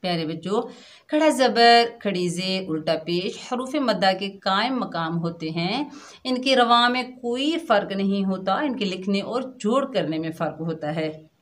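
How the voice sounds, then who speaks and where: A woman gives a slow children's recitation lesson, taking each rule one step at a time. She speaks at an unhurried, measured pace and stretches the practice syllables out long. Her pitch sits in an ordinary middle range. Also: animated. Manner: patient, explains each rule step by step, then draws out drawn-out practice syllables. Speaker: Quran tajweed teacher.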